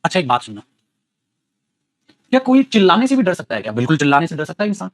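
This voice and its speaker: Animated male tutor with lively high voice. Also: quick pace. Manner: animated, teasing, calls students beta. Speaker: English grammar teacher. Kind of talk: classroom grammar lesson in Hindi.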